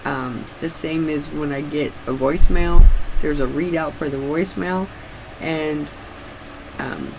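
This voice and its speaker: Older woman, slow halting casual chat, tight sore-jaw articulation, very gravelly creaky voice, humming room noise. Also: low voice. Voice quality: slightly stiff, restricted articulation from not opening the mouth wide, like a sore jaw. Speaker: craft vlogger.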